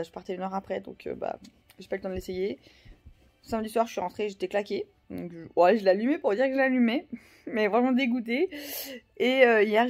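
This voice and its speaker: A woman in her thirties talks casually to her viewers in a vlog. She rambles, loops back on herself and fills pauses with hesitations, her voice sitting at a medium pitch. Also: a little mellow. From France. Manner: rambling, many fillers and restarts. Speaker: vlogger.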